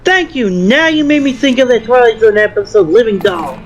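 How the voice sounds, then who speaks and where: A woman's voice: a little high, animated, normal speed. A woman joins a game playthrough with casual chat. Her voice comes through a dull, lo-fi channel, with faint guitar music behind it.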